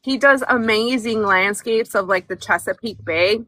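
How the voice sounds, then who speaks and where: Guest slot: bubbly woman, bright lively voice, phone video call. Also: medium pitch, normal speed, low-quality recording. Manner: bubbly, enthusiastic, laughs often. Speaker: guest artist. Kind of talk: casual video-call chat. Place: moving from indoors to outdoors.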